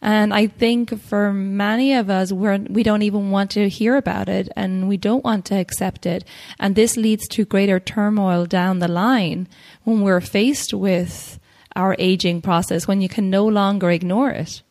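A woman's voice: mid-range voice, fairly even intonation, measured pace. Agreeable podcast host, woman in forties. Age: 40s. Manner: warm, agreeable, reflective. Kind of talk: casual conversation.

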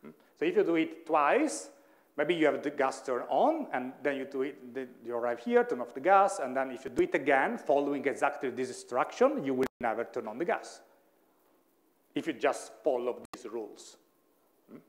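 Male university lecturer, Italian native speaker, mid-pitched, self-correcting, checking in with the class. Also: lively intonation, normal speed. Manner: thinking aloud, frequent "hmm?" checks with listeners, self-corrections.

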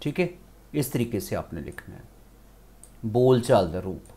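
Switching between two languages, a Punjabi-accented male teacher explains a grammar lesson slowly and step by step. His voice is lowish, expressive and warm, with vocal fry.

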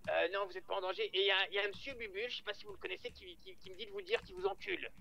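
A man doing a gravelly, gleeful sewer gossip. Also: high voice, very fast, exaggerated voice. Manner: excited, gleeful storyteller. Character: cheerful gossiping male sewer informant. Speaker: roleplay game player on a phone call.

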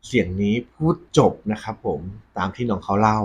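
Husky, low-voiced man telling ghost stories. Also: steady tone, fairly quick. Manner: polite, frequent Thai male polite particles. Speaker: host of a ghost story segment. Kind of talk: conversational ghost storytelling to an audience.

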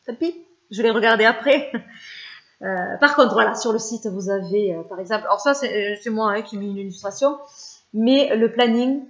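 A woman's voice: on the high side, moderate pace, muffled recording. A French-speaking woman vlogger chatting casually about her favorite channels, with many hesitations and fillers.

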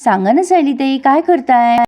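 A woman's voice: high-pitched, expressive, moderate pace, mellow, voice pushed up. A woman voicing a nosy, chatty household woman who keeps coaxing with prying questions in a TV serial recap. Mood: curious.

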